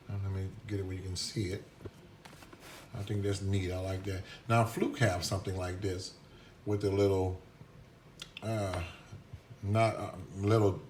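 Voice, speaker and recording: A man's voice: low-pitched, a little hiss or hum. A man giving a casual, hesitant hands-on demonstration at a workbench, with many restarts and fillers, recorded on a phone camera. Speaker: product reviewer demonstrating a meter.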